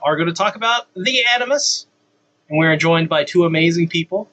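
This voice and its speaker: A man hosting a casual podcast, halting and full of fillers, heard through a tinny webcam mic that sounds like a tin can. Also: a little high, animated, bright, forceful tone. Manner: halting, with many fillers and repeats. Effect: tinny webcam mic, like talking into a tin can. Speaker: podcast host. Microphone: built-in webcam mic.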